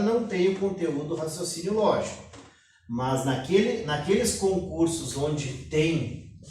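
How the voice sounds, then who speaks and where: A man's voice: on the high side, a little mellow, a little hiss or hum. A male math teacher with a Brazilian Portuguese accent, giving a classroom lecture and explaining each step with a short cough now and then. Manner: explains step by step, keeps saying "ó". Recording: very echoey room, mic far off.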